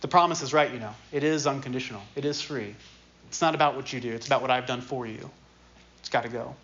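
A man's voice: medium pitch, fast, a bit bright, a little hiss or hum. A man preaching a sermon in a casual, conversational way, repeating key phrases for emphasis. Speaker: pastor. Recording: dull lo-fi sermon recording.

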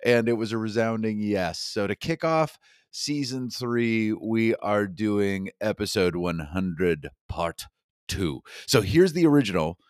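Speaking from his own studio, a podcast host and coach delivers upbeat solo talk straight to the listener, enthusiastic and encouraging. His voice is lowish and expressive, unhurried, with clean, echo-free studio sound. A cold leaves it slightly scratchy.

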